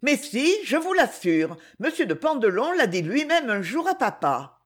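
A woman's voice: a little high, big pitch swings, normal speed, pitched above the performer's own voice. A woman reading aloud voices a candid young girl who speaks frankly and eagerly. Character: candid young girl, the heroine's little sister.

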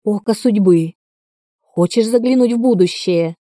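A woman voicing an odd, dreamy young woman in an audiobook, in a bright, sing-song way. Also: mid-range voice, a little slow, no echo, studio quality, pitched above the performer's own voice, lightly acted. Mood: eerie glee.

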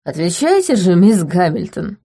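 A woman's voice: on the low side, sing-song, normal speed, dark tone, slightly rough, exaggerated voice. A woman voicing a drunk, arrogant young crown prince with a mocking, slurred drawl. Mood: menacing.

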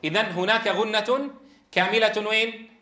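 A male Quran recitation teacher with a high voice lectures to a class. He asks his students questions and stretches sounds out slowly to demonstrate them. The room is echoey. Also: fairly even intonation, pushed and bright. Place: classroom with a board.

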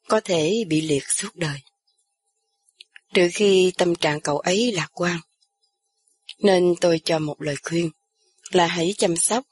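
A woman voicing a middle-aged male doctor who speaks seriously and in measured phrases. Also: fairly low pitch, a little mellow, breathy edge.

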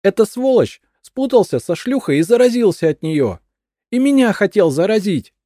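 A man voicing a hysterical, paranoid housewife in an audiobook, with shrill, frantic outbursts. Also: sing-song, normal speed, warm tone, no room sound, studio quality. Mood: frantic shrieking.

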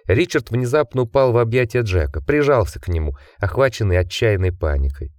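A man narrating an audiobook in an expressive reading style. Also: fairly low pitch, fairly quick, no room sound, clean studio sound. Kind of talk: scripted narration.

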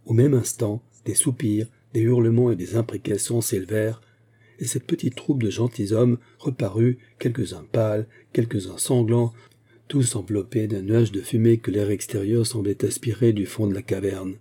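A man narrates a novel in an even, measured way. His voice is dark and mellow, with a husky edge. The pitch sits on the low side. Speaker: audiobook narrator. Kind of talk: novel reading.

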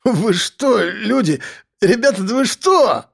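A man voicing a hungover, whiny drunk man suspected of murder, with a raspy, slurred voice. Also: high-pitched, lively intonation, slow, voice pushed up, exaggerated voice.

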